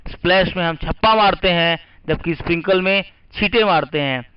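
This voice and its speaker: High-voiced man teaching English words. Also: normal speed, a little hiss or hum. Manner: spells words letter by letter, asks and answers his own questions. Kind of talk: vocabulary lesson. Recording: muffled lo-fi recording.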